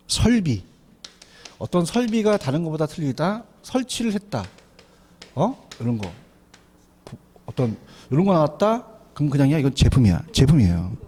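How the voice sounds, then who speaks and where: A man giving an exam prep lecture, animated, often asking students to repeat after him. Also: on the high side, husky. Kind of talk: classroom lecture.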